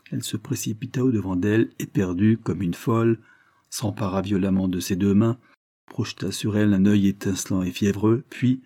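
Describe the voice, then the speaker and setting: Dark husky male narrator. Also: fairly low pitch. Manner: measured, expressive literary narration. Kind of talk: audiobook reading of a classic novel.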